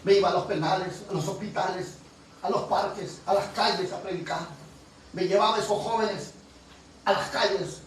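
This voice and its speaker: A woman pastor preaching a fervent sermon, building to loud, emphatic peaks. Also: lowish voice, fairly even intonation, normal speed, heavy reverb, recorded from a distance, a little hiss or hum, poor audio.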